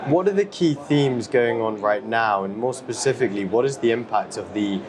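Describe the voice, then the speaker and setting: A man interviewing a guest at a trade symposium, asking brisk, prepared questions. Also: medium pitch, crowd noise. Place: trade symposium in New York.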